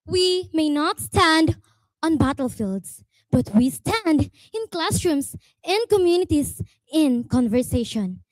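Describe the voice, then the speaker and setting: Woman, Filipino accent, speech contest orator, emphatic pauses, unhurried pace. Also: very high voice, no room sound, poor audio. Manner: slow, emphatic, dramatic pauses and swells.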